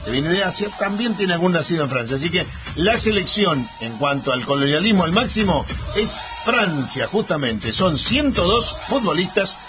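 A man with an Argentine accent hosting a sports segment on radio, chatting casually with pauses and fillers. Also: high-pitched, very animated. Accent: Argentine Spanish. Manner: conversational, halting with fillers. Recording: radio broadcast with music bed.

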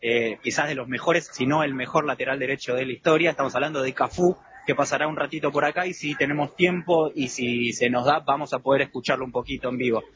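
A man with an Argentine Rioplatense accent doing a live radio field report and street interviews, pausing often with "eh". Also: mid-range voice, fairly even intonation. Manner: hesitant with frequent "eh" fillers. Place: outdoor fan zone with people around. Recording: dull lo-fi radio with loud background noise.

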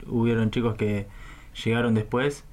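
A man's voice: medium pitch, flat delivery, moderate pace, a little mellow. A young man from Buenos Aires with an Argentine accent, a football player giving brief, plain answers in a radio interview. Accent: Argentine Spanish.

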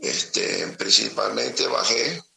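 A middle-aged Venezuelan man with a Venezuelan Spanish accent, speaking on a phone interview, halting and repeating words as he talks slowly and gravely. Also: on the low side, pushed and bright, low-quality recording. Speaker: special state security operator.

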